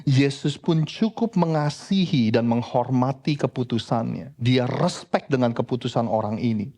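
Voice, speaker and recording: A pastor preaching a sermon in church, lively and direct, often addressing the congregation as brothers and sisters. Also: male voice, medium pitch, normal speed, gravelly. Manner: animated preaching, frequently addressing the congregation as "saudara".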